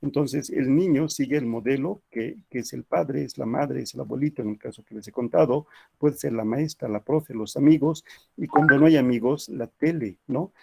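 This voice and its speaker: A man's voice: medium pitch, moderate pace, vocal fry, mellow, slight background noise. A man teaching an ethics class, telling anecdotes in a chatty way with frequent tag questions.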